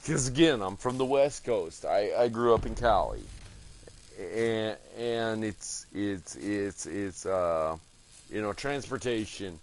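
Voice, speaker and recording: On the low side in pitch, this gaming streamer from California keeps up rambling, foul-mouthed banter. The recording carries a little hiss or hum.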